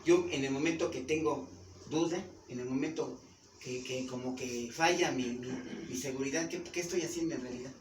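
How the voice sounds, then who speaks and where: A pastor with a Mexican Spanish accent preaches in a church hall, quizzing his congregation with questions as he teaches. His voice is mid-range and his pace moderate. The distant mic gives a roomy sound with some noise.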